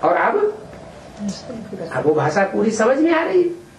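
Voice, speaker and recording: A man leads a spiritual question-and-answer session, explaining each point patiently and pausing to ask his listeners "what?" He sits well back from the microphone in a roomy, echoing space, with a faint hiss underneath. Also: very high-pitched, wildly swooping pitch. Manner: explains patiently, often checks with a rhetorical "what?". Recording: echoey room, distant mic, faint hiss.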